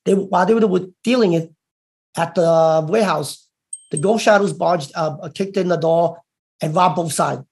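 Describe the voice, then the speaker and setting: Speaking over a video call webcam from an indoor room, a middle-aged man from the United States with a Hong Kong-influenced accent tells his story as an interview guest and former gang member. His fairly high, gravelly, slightly mellow voice is halting, full of fillers and restarts, and he gestures while talking in this casual storytelling.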